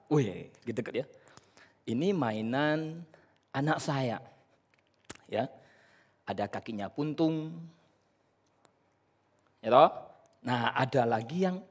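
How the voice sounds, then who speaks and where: Male preacher, husky and lively. Dramatic and fairly high-pitched. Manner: dramatic, swings between loud and hushed. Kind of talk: sermon with storytelling.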